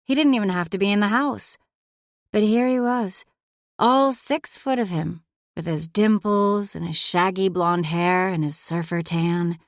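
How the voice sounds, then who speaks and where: A woman narrating an audiobook with an expressive, emotive delivery. Her voice sits in a middle range. The recording is dry and close, with no room sound. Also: medium pitch, unhurried, no echo.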